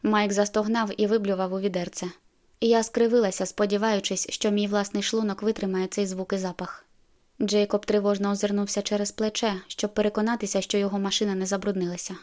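A woman narrating a novel in the first person, in a measured, intimate storytelling manner. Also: mid-range voice, level tone, a little mellow. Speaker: audiobook narrator.

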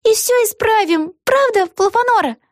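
A woman voicing an eager, brave young witch girl in an audiobook, with a high, lively and urgent delivery. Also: normal speed, no echo, studio quality. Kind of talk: audiobook character voice.

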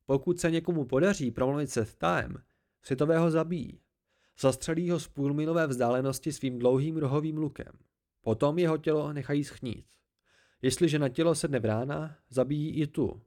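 A man doing a frantic young fae man. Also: close to an everyday voice. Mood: agitated. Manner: high, excitable, shouting outbursts. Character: young fae man, volatile, hysterical, pleading.

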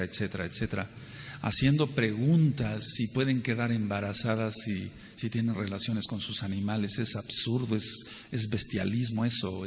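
A man's voice: fairly low pitch, slight background noise. Emphatic man preaching in a reverberant hall. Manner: rhetorical, emphatic, repeats phrases for stress; acts out quoted people with a raised voice. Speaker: Messianic Torah teacher. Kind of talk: Torah teaching sermon.

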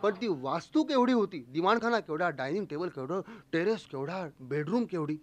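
High-voiced man telling a comic tale. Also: fairly quick, no echo. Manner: comic, lively, acts out quoted voices. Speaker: storyteller. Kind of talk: humorous first-person storytelling.

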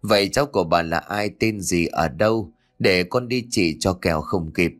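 A man's voice: low voice, normal speed, fairly bright tone, faint music behind. A man doing a grumpy young exorcist. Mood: gentle. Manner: grumbling, blunt. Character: young male exorcist, grumpy and kind-hearted.

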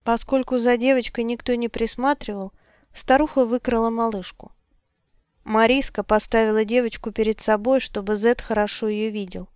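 Clear-voiced woman narrating an audiobook. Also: fairly high pitch, steady tone, normal speed, darkish tone, no echo, studio quality.

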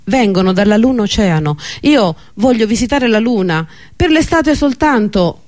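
A man's voice: sits high, lively intonation, moderate pace, darkish tone, voice pushed up. A man reading an Italian novel aloud, voicing an eager young man who pleads to leave home. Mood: pleading.

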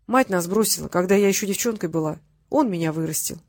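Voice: medium pitch, very animated, normal speed, dry recording, clean studio sound, pitched above the performer's own voice. A reader voicing a carefree, tipsy young woman with a breezy, playful manner in an audiobook. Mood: warm. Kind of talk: audiobook character voice.

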